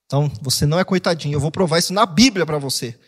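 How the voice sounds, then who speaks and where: A Brazilian man preaching a sermon as pastor, animated, acting out quoted voices with jokes along the way. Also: on the high side, very fast. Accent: Brazilian Portuguese. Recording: long hall reverb.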